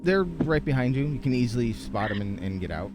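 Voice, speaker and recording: A man's voice: medium pitch, very animated, brisk, noisy background. A man casually bantering and narrating as game master of a tabletop roleplaying game.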